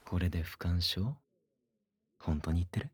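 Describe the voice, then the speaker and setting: A man doing a cocky, teasing young man, low husky whisper. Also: normal speed. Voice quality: husky whisper close to the ear. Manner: taunting, smug, crude. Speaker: voice actor. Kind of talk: whispered ASMR audio drama.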